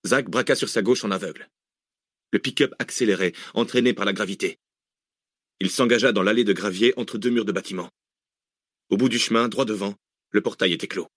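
A man's voice: fairly low pitch, no echo, clean studio sound. Man narrating a thriller audiobook. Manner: steady, measured thriller reading. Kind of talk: scripted narration.

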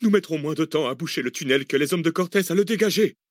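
A man reading an audiobook, voicing a calm, authoritative man who gives measured orders. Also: a little high, dry recording, clean studio sound, voice pushed up. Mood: commanding. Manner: measured, commanding. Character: calm, authoritative older man, cool-headed planner. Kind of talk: audiobook character voice.

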